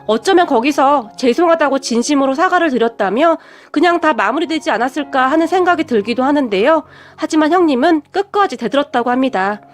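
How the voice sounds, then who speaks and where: A woman telling a first-person radio story as scripted narration, in a steady retelling manner. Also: high-pitched.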